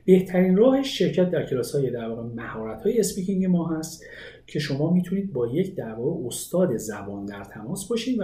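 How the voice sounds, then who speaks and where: Man, language teacher, lively emphasis, mellow voice, roomy echo. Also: a little high. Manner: explains with lively rising emphasis. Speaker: English teacher. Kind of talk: lesson on language learning.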